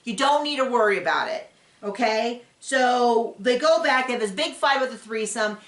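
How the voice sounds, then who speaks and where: A woman's voice: on the high side, lively intonation, normal speed, fairly bright tone. A woman hosting a show recap in casual, rambling chat, often acting out what others said. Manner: rambling and chatty, acting out quotes. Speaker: podcast host recapping a reality show. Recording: roomy echo.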